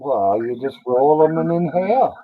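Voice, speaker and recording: A man's voice: a little high, expressive, moderate pace. A man chatting casually in a blunt, rambling, salty way. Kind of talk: casual chat. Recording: dull lo-fi audio.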